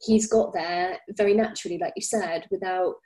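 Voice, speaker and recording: Mellow-voiced British woman giving reassuring advice. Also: on the low side, fairly even intonation, moderate pace. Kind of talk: conversational advice on parenting podcast.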